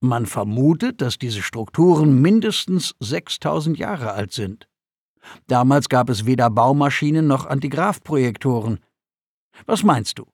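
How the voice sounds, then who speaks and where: A man reading aloud, voicing a patient father who explains things calmly to his son. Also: medium pitch, unhurried, husky, no room sound, studio quality. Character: patient, gently amused father.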